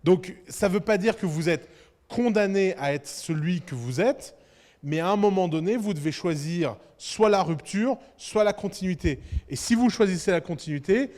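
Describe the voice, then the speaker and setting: A man giving a business lecture to entrepreneurs, talking in an animated, provocative way and addressing the audience directly. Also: high-pitched. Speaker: business conference speaker. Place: conference hall. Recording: reverberant conference hall.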